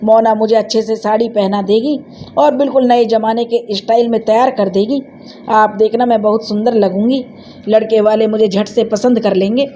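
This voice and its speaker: A woman's voice: on the high side, fairly even intonation, moderate pace, warm tone, slight background noise, close to an everyday voice. A woman voicing a playful, headstrong teenage village girl who talks in a coaxing, cheeky way. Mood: eager.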